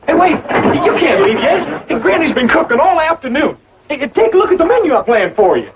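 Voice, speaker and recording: A man's voice: very high-pitched, very animated, fairly quick, heavily acted. An actor playing a naive, boastful young hillbilly man with a rural Southern drawl and a folksy, cocky way of talking. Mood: pleading. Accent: rural Southern American. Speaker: restaurant owner. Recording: dull 1960s TV audio, loud laugh track.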